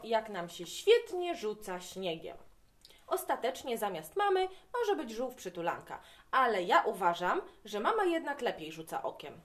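A woman reading a children's story aloud to young listeners, with an expressive, animated delivery. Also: a little high.

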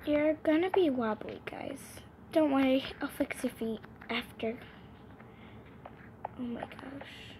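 A young woman who runs a gaming channel improvises role-play narration over a video game in a playful, sing-song way. Her voice sits high, and she speaks slowly, pausing often. It was captured on a phone mic in a noisy amateur screen recording.

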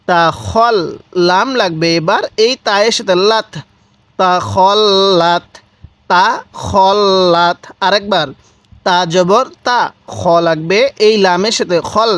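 A man teaching Quran reading, spelling out letters and syllables slowly and repeating each one for the learner. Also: sits high, dry recording. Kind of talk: slow spelled-out recitation lesson.

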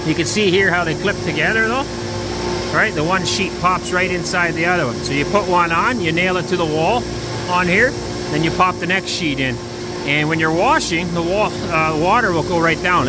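A man in his thirties giving a casual, chatty factory tour on a handheld camera, thinking aloud as he goes. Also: a little high. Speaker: vlogger. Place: large factory floor with running machines. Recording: loud factory machinery noise. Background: loud machinery noise.

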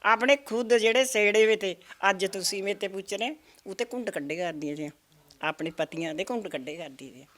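An older woman who tells lively, folksy stories in a casual chat. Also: mid-range voice, fairly quick. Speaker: village elder interviewee.

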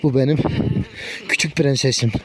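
A man, a dog breeder vlogger, chats casually outdoors in the snow, talking affectionately in baby-talk to his puppies and to the camera. His mid-range voice is steady in tone and moves at a moderate pace.

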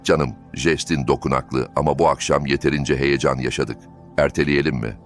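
A man's voice: rumbling low, fairly even intonation, moderate pace. A man voicing a haughty, scheming older mother-in-law with a theatrical, mocking manner. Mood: dismissive. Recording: faint background music.

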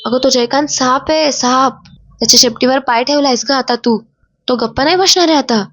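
A woman doing a distraught, shrill mother. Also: brisk, a bit bright, no echo, lo-fi sound. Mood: scolding. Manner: tearful, shrill scolding. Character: distraught middle-aged mother, pleading then scolding.

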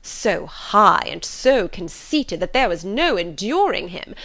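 A woman reading aloud, voicing an excitable, gushing middle-aged mother who talks in high, emphatic bursts. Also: moderate pace. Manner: breathless, effusive, high and emphatic.

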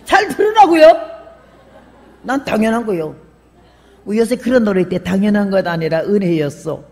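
An older woman missionary giving a sermon, telling folksy stories with humor and bursting into loud emphatic calls. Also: medium pitch, brisk. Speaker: missionary preacher. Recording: long hall reverb.

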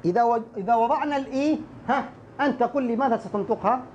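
A man teaching English pronunciation, saying each word slowly and more than once and speaking straight to the viewer. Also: very high-pitched, a little mellow, muffled recording, a little hiss or hum. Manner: drills words slowly and repeats them, talking straight to the viewer. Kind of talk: pronunciation lesson for Arabic speakers.

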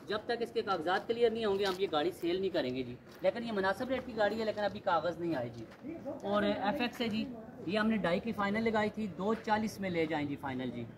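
A man, walking a used-car lot and pitching cars in a steady, repetitive salesman patter. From Pakistan. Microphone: handheld phone camera. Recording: noisy outdoor lot.

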